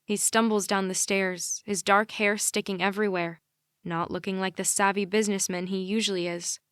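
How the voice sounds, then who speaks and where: A woman's voice: mid-range voice, flat delivery, normal speed, clean tone, dry recording, clean studio sound. Woman narrating an emotional audiobook. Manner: emotional, intimate storytelling. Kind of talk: first-person audiobook narration.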